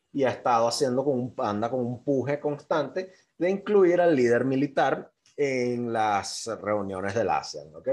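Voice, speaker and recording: A man's voice: medium pitch, darkish tone. A man explaining world news in a loose, chatty way, with many fillers and restarts. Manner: loose and conversational, many fillers and self-corrections, frequent "¿ok?". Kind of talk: casual explainer talk.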